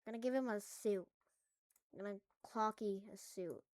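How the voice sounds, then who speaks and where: A woman's voice: medium pitch, moderate pace, darkish tone, no echo. A woman at home making a casual coding tutorial, rambling through jokey asides as she works. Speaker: tutorial maker.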